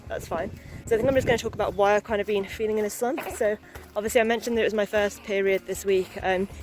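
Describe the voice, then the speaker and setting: Medium-pitched with a darkish tone, the voice belongs to a young adult woman vlogging casually on an outdoor walk. A new mother, she rambles and speaks candidly.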